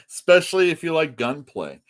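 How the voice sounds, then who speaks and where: Slightly high and very animated, this middle-aged comic shop podcast host talks at a moderate pace, offering blunt, opinionated chatter that rambles, includes swearing, and gets him laughing at his own jokes.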